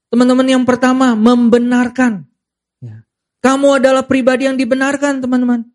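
A young man preaching a sermon, animated and emphatic, leading his audience in call-and-response and dropping to quiet, serious asides. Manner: animated, rising to high emphatic peaks, then dropping to quiet; calls and response, has the audience repeat lines. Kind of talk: sermon to a youth congregation.

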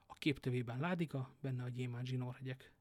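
Male audiobook reader, lively, casual asides, dry close sound. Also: medium pitch, dry recording. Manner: lively storyteller, joking asides. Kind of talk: reading a novel aloud with casual asides.

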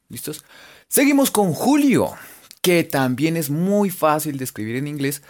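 A lively, playful teacher with a Colombian accent whose voice swoops up and down as they lead an online lesson. They spell words letter by letter, crack little jokes, and slowly draw out each word to sound it out. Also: medium pitch. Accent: Colombian Spanish. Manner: animated, drawn-out sounding-out of words. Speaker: language teacher.

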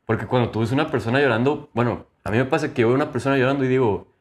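A young man with a Mexican Spanish accent chatting casually, slangy and swearing, his pitch jumping up and down. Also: rapid-fire. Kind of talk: casual chat.

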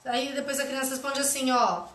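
A woman's voice: on the high side, expressive, brisk, bright, forceful tone. A woman, a parenting educator teaching live, reading from a book and commenting, often tagging phrases with "né?". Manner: chatty, often ends phrases with "né?". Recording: echoey room.

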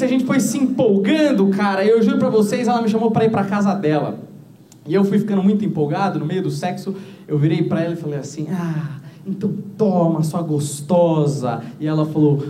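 A man's voice: sits high, quick pace, warm tone. A man performing a stand-up set, telling a crude dating story with punchlines. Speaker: stand-up comedian. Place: comedy club stage. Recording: echoey comedy club.

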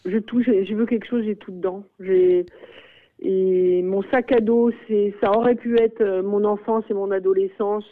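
A woman's voice: mid-range voice, steady tone, moderate pace. A middle-aged woman, a school principal, talking in a radio interview, hesitant with many fillers and exclamations. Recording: phone-like radio sound.

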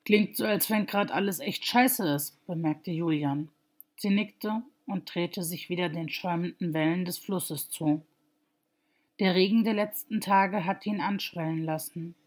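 Woman calmly narrating a story. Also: on the low side. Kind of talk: read-aloud story narration.

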